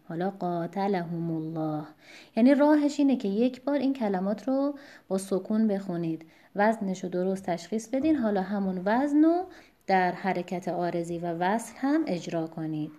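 Woman teaching Quran recitation, mellow voice. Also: mid-range voice. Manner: explains calmly, then slowly recites each example. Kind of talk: explanatory lesson with slow recited examples.

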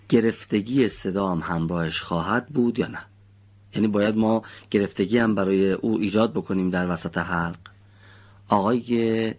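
A man's voice: low voice, gravelly, husky. A male teacher patiently quizzing his pupils and praising their answers. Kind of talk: classroom teaching with questions to pupils.

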